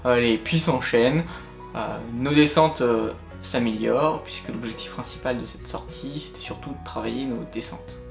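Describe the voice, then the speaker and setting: A man's voice: medium pitch, normal speed, creaky. A man narrating a vlog in a casual storytelling style. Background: soft plucked guitar music.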